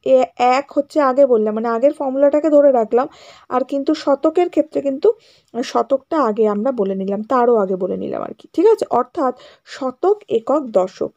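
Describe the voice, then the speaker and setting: A woman's voice: high-pitched, darkish tone. A woman teacher with a West Bengal Bengali accent gives a grammar lesson, explaining step by step, checking often that students follow, and mixing English words into her talk. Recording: dull lo-fi sound.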